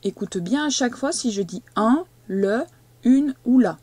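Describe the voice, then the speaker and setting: A woman teaching a young child to read, speaking slowly and patiently and stressing each syllable as she dictates. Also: fairly high pitch, expressive, darkish tone, slightly rough, no echo. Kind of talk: reading and spelling lesson for a young child.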